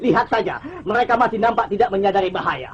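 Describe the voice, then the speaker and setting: A man playing a leering, gloating bandit in an old radio drama, husky and theatrical. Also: sits high, highs cut off. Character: leering, sneering, cackling male bandit.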